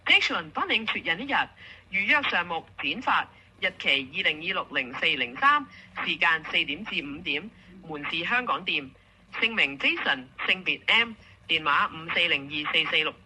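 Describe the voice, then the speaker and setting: A woman's voice: fairly low pitch, very animated, moderate pace, pushed and bright, slight background noise, poor audio. A woman with a Hong Kong Cantonese accent speaking as an automated booking assistant, in polite, formulaic scripted customer service.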